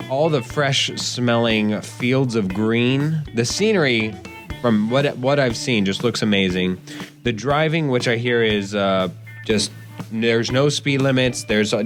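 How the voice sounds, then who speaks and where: A man's voice: mid-range voice, takes it slowly, soft background music. A young man co-hosting a casual podcast, quizzing his partner with a joking, playful delivery. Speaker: podcast co-host. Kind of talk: casual sports podcast chat.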